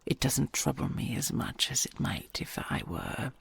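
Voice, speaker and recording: A woman plays an ancient dragon queen in an intimate audio roleplay, murmuring slowly in an extremely low, heavily creaking voice that is very breathy, husky and sing-song. Imperious yet doting, indulgent and regal, she offers formal endearments with possessive tenderness and soft sighs. The full character voice is recorded close and dry, with no room sound.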